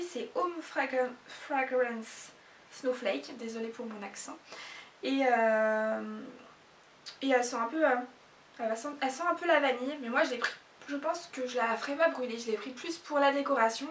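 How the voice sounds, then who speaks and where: A woman's voice: fairly high pitch, slight background noise. A woman chatting casually in a haul video, hesitating often with fillers. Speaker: YouTuber. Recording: echoey room, mic at a distance.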